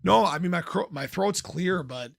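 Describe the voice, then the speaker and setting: In a high-sitting, expressive voice at a moderate pace, a crypto livestream host chats informally and playfully, reading and responding to viewers' comments. He's losing his voice, sounding slightly hoarse and clearing his throat often, and the studio-quality audio has no echo.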